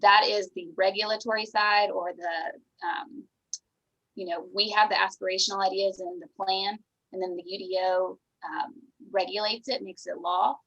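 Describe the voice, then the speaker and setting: An American woman city planner explaining the planning process clearly in a public meeting. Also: medium pitch, steady tone, moderate pace, bright, forceful tone, highs cut off.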